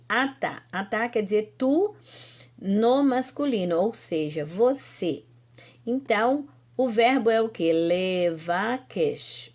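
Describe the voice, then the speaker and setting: Slow, patient Brazilian woman teacher. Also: mid-range voice, darkish tone. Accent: Brazilian Portuguese. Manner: slow, patient explaining, drawn-out example words, frequent "então". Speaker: Hebrew teacher. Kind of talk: online language lesson.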